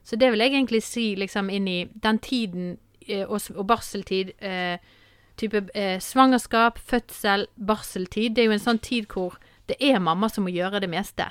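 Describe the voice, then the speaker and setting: A woman's voice: medium pitch, clear, resonant tone, no echo. A woman hosting a podcast in casual chat, rambling and often asking "sant?". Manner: warm, rambling, repeats words and says "sant?" often. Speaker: podcast host.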